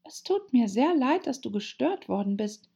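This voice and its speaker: A woman's voice: fairly high pitch, very animated, moderate pace, vocal fry, mellow, slightly rough, voice pushed up, exaggerated voice. Woman playing an indignant little girl. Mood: earnest, flustered. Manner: indignant, truthful. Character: earnest, bewildered little girl. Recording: dull lo-fi recording.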